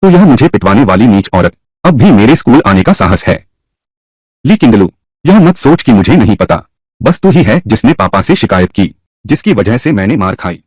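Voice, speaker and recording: A defiant young son full of grievance, voiced by a man. He speaks with a lively, swinging pitch and a slightly husky edge. The sound is dry and close in this dubbed drama. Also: normal speed, no room sound. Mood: threatening. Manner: bitter, defiant complaining. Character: young man, resentful rebellious returned son.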